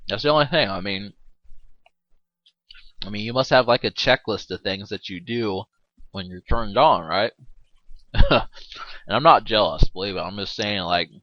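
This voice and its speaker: A man's voice: lowish voice, lively intonation, normal speed, long pauses, no echo. A man giving casual, rambling movie commentary, full of fillers and jokes. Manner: rambling, filler-heavy, joking with frequent laughs. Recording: dull, dry lo-fi mic.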